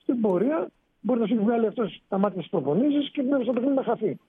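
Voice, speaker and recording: A man, a sports reporter phoning in to a radio show, explaining in an animated way. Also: very high voice, husky, no echo. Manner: explanatory, animated, rising emphasis. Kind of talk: sports radio phone-in analysis. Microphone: phone. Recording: tinny phone line on radio.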